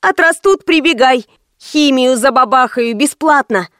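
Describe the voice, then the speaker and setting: A woman's voice: high voice, lively intonation, fairly bright tone, dry recording, clean studio sound. A woman putting on a flustered, chattering girl. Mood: fussing. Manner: fussy, quick, eager to please.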